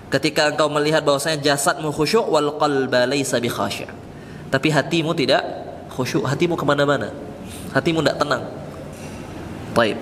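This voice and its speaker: A man, an ustaz, gives a casual sermon in a mosque, speaking conversationally and reciting Arabic quotes slowly. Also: a little high, a bit bright. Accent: Indonesian. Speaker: ustaz giving a mosque study session. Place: mosque hall. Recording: reverberant mosque hall with faint background noise.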